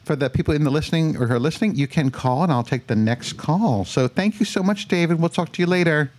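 A man hosting a live call-in show, chatty and quick to laugh. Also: a little high, lively intonation, darkish tone. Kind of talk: casual call-in chat.

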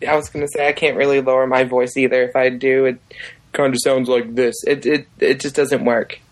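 A man's voice: mid-range voice, little pitch movement, a little fast. A man talking casually and informally as a guest on a podcast. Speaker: podcast guest, drag performer. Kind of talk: casual chat.

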